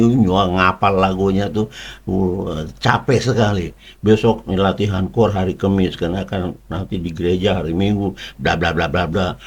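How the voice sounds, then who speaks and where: Guy preaching real casual, kinda husky low voice, jumps up high when he's excited. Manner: colloquial, chatty, with sudden high exclamations. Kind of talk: informal sermon.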